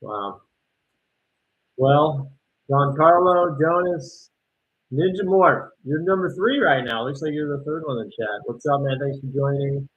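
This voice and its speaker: A man, casually reacting live to a game and chatting with viewers, bursting into loud exclamations. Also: on the high side, a little slow, slight background noise. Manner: excitable, exclaims loudly at plays then chats calmly with viewers. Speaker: livestream host reacting to an ultimate frisbee game. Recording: dull lo-fi stream audio.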